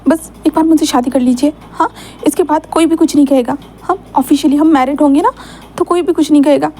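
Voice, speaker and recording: A woman voicing a gentle young man who speaks softly and reassuringly to someone he loves. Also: extremely high pitch, fairly quick, slight background noise. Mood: earnest. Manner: soft, calm, reassuring. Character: gentle young man, soothing and devoted suitor.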